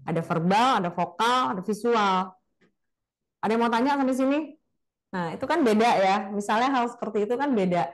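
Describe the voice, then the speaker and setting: A woman speaking casually in a webinar on public speaking, chatty and lively, demonstrating different intonations, over a video call mic. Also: fairly high pitch, fairly quick. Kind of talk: casual spoken lecture.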